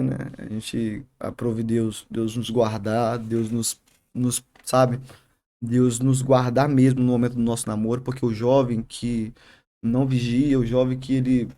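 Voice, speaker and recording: A man, a barber and youth leader, telling his faith story in a podcast interview, halting often and tagging sentences with "né?". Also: medium pitch, warm tone. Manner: halting, many restarts and "né?" tags. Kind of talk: emotional testimony in casual interview.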